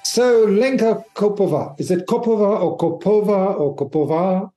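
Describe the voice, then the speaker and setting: A man's voice: high-pitched, moderate pace, mellow. A man hosting an interview podcast, reading a scripted introduction and then asking questions in a friendly way with hesitant fillers. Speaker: podcast host. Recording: echoey room with music under.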